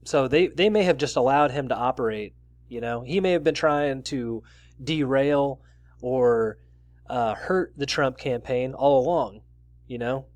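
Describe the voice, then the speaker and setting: Guy doing his own news commentary vid, chatty, mid-pitched voice, dead dry room. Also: measured pace, a little mellow, no room sound. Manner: conversational, reads out article excerpts with asides.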